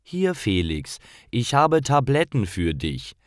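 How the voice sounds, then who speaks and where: A man doing a gentle caring mother. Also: mid-range voice, big pitch swings, slow pace, no room sound, studio quality, voice pushed up.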